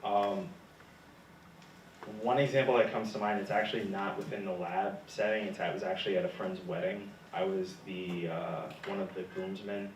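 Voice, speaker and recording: A man's voice: deep voice, flat delivery, moderate pace, echoey room, recorded from a distance, a little hiss or hum, rough recording. A young man answering interview questions, telling stories with humor and laughing often. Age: young adult. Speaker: guest speaker, graduate student.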